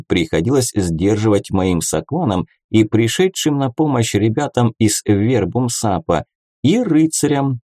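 Man, audiobook narrator, first-person, ironic conversational telling, mellow voice, dry close recording. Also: fairly low pitch, no room sound.

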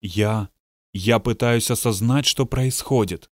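A male narrator voicing an injured young woman who speaks hoarsely and shakily in an audiobook. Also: on the low side, takes it slowly, dry recording, studio quality. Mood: strained. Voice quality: hoarse, trembling. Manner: gasping, strained. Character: battered hoarse young woman, desperate and frightened. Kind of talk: audiobook dialogue reading.

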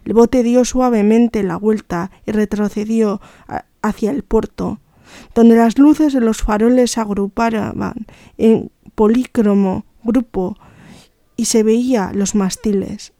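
Slow-reading woman, dark voice. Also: on the high side, steady tone, no room sound, studio quality. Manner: slow, careful reading with occasional self-corrections. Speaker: story reader. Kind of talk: reading a story aloud.

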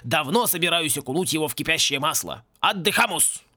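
A man reading an audiobook plays a grumpy old school caretaker, bossy and grumbling. He snaps out his orders in a lively, swinging voice, recorded dry and close. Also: fairly high pitch, fairly quick, no echo, exaggerated voice. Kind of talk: audiobook character voice.

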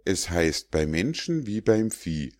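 Man doing cheeky little hummingbird, low voice, fable read. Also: very animated, slow, darkish tone, no echo, studio quality, exaggerated voice. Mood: pert. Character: tiny boastful hummingbird, male.

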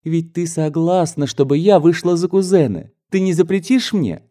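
Audiobook figure: male narrator reads a breathless, overjoyed young woman, pitched well up. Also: animated, normal speed, warm tone, close to an everyday voice. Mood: elated. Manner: gushing, breathless with joy. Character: excited young woman, a general's daughter, newly engaged.

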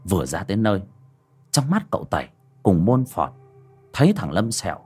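A man's voice: deep voice, moderate pace, slightly rough, soft background music. Dramatic male storyteller. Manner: dramatic, animated. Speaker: audiobook narrator. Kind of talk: horror story narration.

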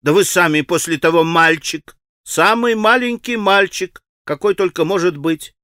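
A man playing an imperious young girl who barks orders, pitched high and loud. Her talk is urgent and bossy, recorded dry and close for a storybook. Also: normal speed, smooth, dry recording.

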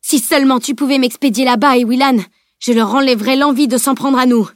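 A woman's voice: sits high, steady tone, fairly quick, no room sound, studio quality, voice pushed up, close to an everyday voice. A woman reading the lines of a bold young male swordsman in an audiobook. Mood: frustrated. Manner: fierce, frustrated.

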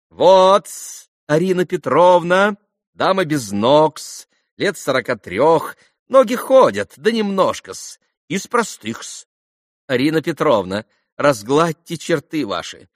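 A man voicing a servile, buffoonish, agitated middle-aged captain in an audiobook, with a shrill, fawning, theatrical delivery. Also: no room sound, studio quality.

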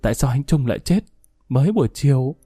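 A woman's voice: lowish voice, steady tone, moderate pace, warm tone, breathy edge, no echo, soft background music, pitched above the performer's own voice. A man putting on a sobbing young wife. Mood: grieving. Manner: sobbing, disbelieving cries.

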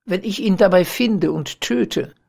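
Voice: mid-range voice, measured pace, gravelly, a little mellow, pitched above the performer's own voice. A reader voicing a betrayed, vengeful young man in an audiobook of old literary prose, speaking with impassioned emphasis. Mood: bitter, impassioned.

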